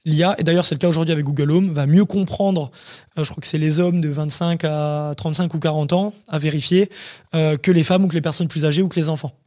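Fast-talking man explaining his startup. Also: on the high side. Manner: fast, energetic explaining with many fillers. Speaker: startup CEO, interview guest. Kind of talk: casual interview.

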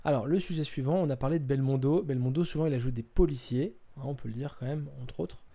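A man's voice: mid-range voice, fast talker, warm tone. A man hosting a casual podcast chat, talking hesitantly with lots of fillers and restarts. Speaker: podcast host presenting a topic.

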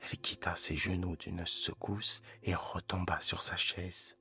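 A man reading a classic short story aloud as a calm, hushed bedtime narration. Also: deep voice, husky, in a whisper, soft background music. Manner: calm, hushed, measured delivery. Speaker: audiobook narrator.

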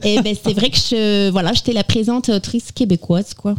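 A woman's voice: medium pitch, moderate pace. A woman explaining her amateur theatre group in an eager way on a radio interview.

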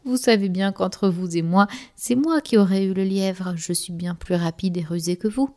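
A woman's voice: mid-range voice, moderate pace, mellow, natural voice. A woman voicing a vain, cunning male wolf in a children's storybook, who talks in a mocking, teasing way. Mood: boastful. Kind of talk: storybook voice acting.

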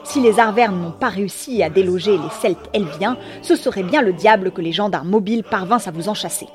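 A woman's voice: mid-range voice, brisk. A woman reading a scripted second-person story with wry, ironic asides and a few slangy touches. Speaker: narrator.

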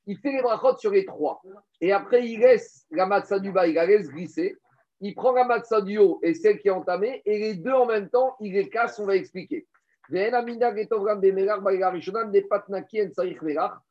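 A man's voice: high-pitched, moderate pace. A man teaching a Torah lesson in French mixed with Hebrew terms, asking rhetorical questions and explaining step by step. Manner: lively, rhetorical questions, addresses listeners as Rabotai. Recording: dull lo-fi recording.

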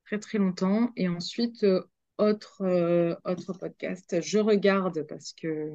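A woman's voice: fairly low pitch, steady tone, takes it slowly, mellow, no room sound, lo-fi sound. A young woman, a radio journalist, chatting as a guest in a podcast interview, hesitant with many fillers and restarts.

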